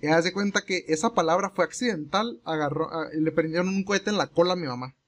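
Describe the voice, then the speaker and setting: Fairly high-pitched and quick-paced, a young Mexican man's voice carries a Mexican Spanish accent as he tells a long story in casual conversation. He's relaxed and rambling, acting out the quoted back-and-forth.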